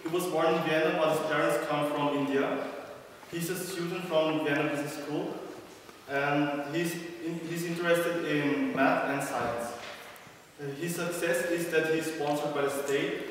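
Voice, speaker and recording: A young man from the Philippines reads his presentation in a fairly high voice with small restarts. He is heard from a distance in an echoing hall with faint noise. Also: fairly even intonation, unhurried. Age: young adult. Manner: plain reading with small restarts. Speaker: student presenter. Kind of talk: reading a school presentation. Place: wood-panelled hall, indoors. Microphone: far camera. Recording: echoey hall from far off.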